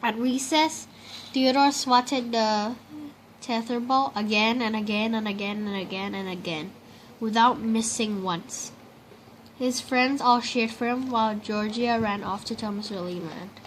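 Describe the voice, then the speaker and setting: A woman with a fairly high voice reads a children's picture book aloud in an unhurried storytelling manner. The recording is rough, with clear, steady background noise.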